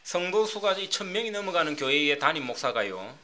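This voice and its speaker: Animated preacher. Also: male voice, a little high, fairly quick. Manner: animated preaching with rhetorical questions. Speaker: pastor. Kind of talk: sermon.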